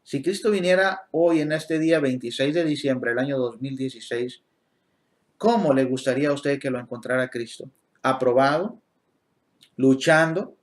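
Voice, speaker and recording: Spanish-speaking man teaching a Bible study. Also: fairly high pitch. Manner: explains Greek word meanings, asks the listener questions, corrects himself.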